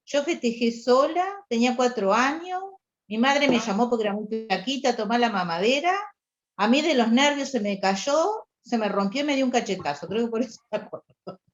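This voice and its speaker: A woman with a Rioplatense Spanish accent speaks up in an online class, her voice somewhat high. She talks candidly and bluntly about her own past. The sound comes through a dull, lo-fi line. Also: animated, moderate pace. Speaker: workshop participant. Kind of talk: personal sharing in a class.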